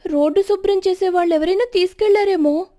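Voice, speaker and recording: A woman's voice: very high voice, quick pace, mellow, pitched above the performer's own voice. A woman voicing a patient young daughter-in-law in a cartoon story, pleading and exasperated. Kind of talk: storybook voice acting.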